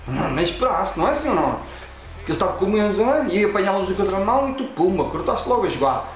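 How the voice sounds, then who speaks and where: Brief: excitable Portuguese gamer guy, lively rising pitch, echoey room with faint music behind. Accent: European Portuguese. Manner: excitable, talks at the game and the referee, frequent exclamations. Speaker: gaming channel host. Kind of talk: playing a football video game and commentating.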